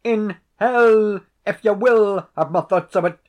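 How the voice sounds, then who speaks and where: A man's voice: fairly high pitch, steady tone, moderate pace, muffled recording, pitched above the performer's own voice, lightly acted. A man voicing a desperate, honest old tenant piper, pleading and rising to frantic outbursts.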